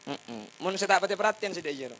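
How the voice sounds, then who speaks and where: Lively man preaching in style. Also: high voice, fairly quick, slight background noise. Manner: swings from soft asides to loud impassioned bursts; chants salawat and sings lines. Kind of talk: humorous sermon.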